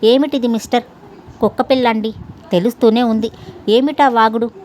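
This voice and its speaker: A woman voicing an angry young woman quarreling with her neighbor in sharp, scolding words. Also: fairly high pitch, steady tone, moderate pace, a little hiss or hum, close to an everyday voice.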